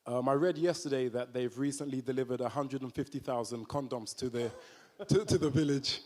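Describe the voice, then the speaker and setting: Mellow-voiced man reporter. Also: medium pitch, brisk. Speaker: journalist. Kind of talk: asking a press question.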